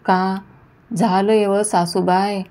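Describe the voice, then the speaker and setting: A woman's voice: mid-range voice, level tone, slow pace, a little mellow. A woman voicing a short village wife with a harsh, grating voice. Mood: sharp.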